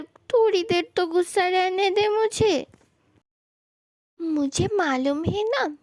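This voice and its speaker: A woman's voice: high voice, vocal fry, a little mellow, no room sound, clean studio sound, full character voice. A woman voicing a cute, playful younger sister in a fan dub drama, wheedling and apologetic.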